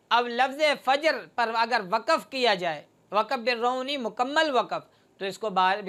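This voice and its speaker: A teacher works through the rules one numbered point at a time, stretching each example word into a slow chant. The voice is smooth and resonant, sitting at an ordinary middle pitch, and the delivery stays even and instructive throughout. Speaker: Quran recitation teacher. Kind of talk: explanatory lesson on recitation rules.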